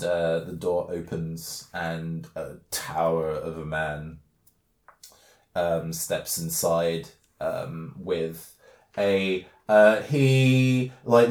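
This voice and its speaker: A man narrating a tabletop game as game master, relaxed and hesitant with many fillers. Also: low voice, very slow. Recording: roomy recording with music behind.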